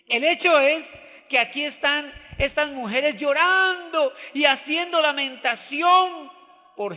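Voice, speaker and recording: A man preaching a sermon as pastor, animated and speaking directly to his congregation. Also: high-pitched. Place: church hall. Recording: long hall reverb.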